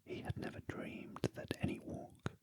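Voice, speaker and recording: A British man reading a story aloud in a very soft, breathy ASMR whisper, gently and deliberately, close to the ear. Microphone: close ASMR microphone, ear to ear.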